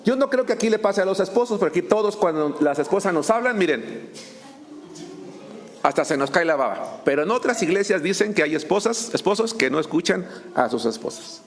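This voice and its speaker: A pastor delivers a sermon in a high, expressive, brisk voice. He jokes throughout and acts out little scenes of dialogue between husbands and wives.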